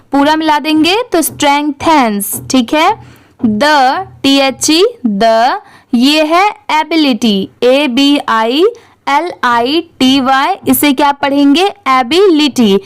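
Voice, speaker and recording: High-voiced teacher spelling words slowly. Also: female voice, dry recording. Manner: spells words letter by letter, then blends them slowly; asks questions and answers them herself. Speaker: English reading teacher. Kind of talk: online spelling and reading lesson.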